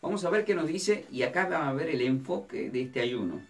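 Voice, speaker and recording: A man's voice: a little high, lively intonation, a little fast. A man, a pastor teaching a Bible study sermon, who asks his listeners questions and then answers them himself. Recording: distant mic with faint music.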